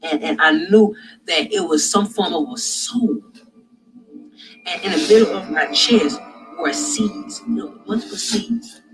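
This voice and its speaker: A man telling a vivid religious dream in a halting, repetitive way that grows loud and intense. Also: high-pitched, rough recording. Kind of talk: personal dream testimony.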